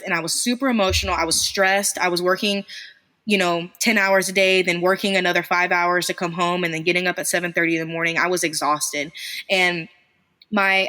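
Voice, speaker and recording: A woman's voice: fairly low pitch, sharp tone. A young woman guest telling her story in a candid, chatty, self-deprecating way, laughing often. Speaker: podcast guest, small business founder.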